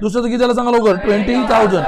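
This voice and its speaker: High-voiced man drilling a class. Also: steady tone, crowd noise. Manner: drilling students with rapid call-and-response questions; urges the class to answer loudly. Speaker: commerce teacher. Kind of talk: classroom accounting lesson. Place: classroom with students answering in chorus. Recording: class chorus behind.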